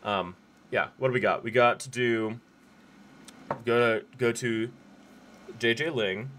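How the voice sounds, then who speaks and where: A man's voice: mid-range voice, fairly even intonation, slow pace, a bit bright, slight background noise. A man streaming a game live, chatting in a laid-back, rambling way with many fillers and restarts. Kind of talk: casual live-stream chat while playing.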